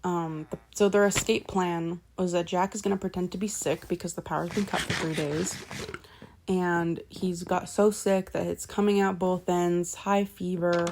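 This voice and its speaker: A woman's voice: fairly low pitch, little pitch movement, normal speed, a little mellow, a little hiss or hum. A woman casually retelling a novel's plot as a vlogger, rambling with lots of fillers, backtracking to correct herself and swearing offhandedly. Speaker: book vlogger.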